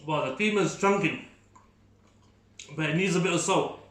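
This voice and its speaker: Bright-voiced man reviewing food, echoey. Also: on the high side, moderate pace. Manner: enthusiastic, talks while chewing. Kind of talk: casual food tasting commentary. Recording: echoey room.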